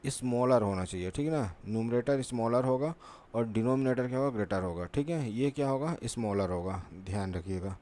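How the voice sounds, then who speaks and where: Guy teaching maths to kids, warm mellow voice, keeps asking and answering his own questions. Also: mid-range voice, animated, a little fast. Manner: patient, repeats "ठीक है" and asks rhetorical questions. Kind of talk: whiteboard maths lesson.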